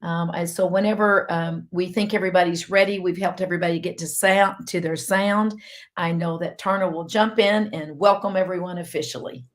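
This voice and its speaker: A woman's voice: lowish voice, fairly even intonation, fairly quick. A middle-aged woman physician with a Southern US accent, hosting a live online health session in a chatty, rambling way. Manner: chatty, rambling, laughs easily. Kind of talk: casual live-stream chat.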